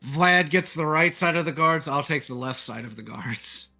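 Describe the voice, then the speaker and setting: A man playing a tabletop game who jumps in with quick, eager questions and plans. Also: a little high, expressive, sharp tone, faint music behind. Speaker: player.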